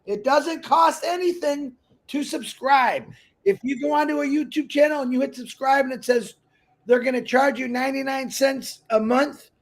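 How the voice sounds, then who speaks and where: A man with an unusually high voice co-hosts a casual livestream. He makes a pushy promotional pitch and breaks off into laughing asides. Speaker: livestream co-host.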